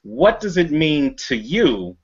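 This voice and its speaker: A man's voice: on the high side, sing-song, slow pace, breathy edge. A middle-aged American man hosting a motivational show, emphatic and building his phrases by repetition. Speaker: talk show host and coach. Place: indoor room beside banner. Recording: dull lo-fi webcast.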